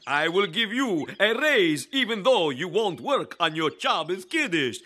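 A pompous, wheedling squire who owns a mill, as a man puts him on. His voice is bright and high, swinging up and down as he talks slowly. Soft music plays underneath. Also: sing-song, full character voice. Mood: eager. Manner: bossy, then wheedling and apologetic.

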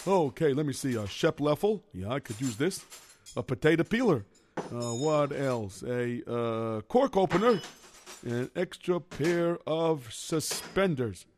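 A man's voice: fairly high pitch, darkish tone, a little hiss or hum. A man playing a bumbling handyman who talks himself through every mishap, with Yiddish exclamations scattered through his muttering. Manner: rambling self-talk, sprinkled with Yiddish exclamations. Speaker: lunch driver. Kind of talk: children's comedy sketch.

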